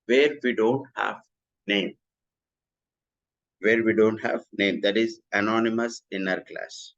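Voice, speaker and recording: A man's voice: fairly low pitch, takes it slowly, vocal fry, highs cut off. A man giving a recorded programming lecture, explaining step by step and often repeating himself. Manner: repetitive, steady explaining, often restates lines. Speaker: programming instructor.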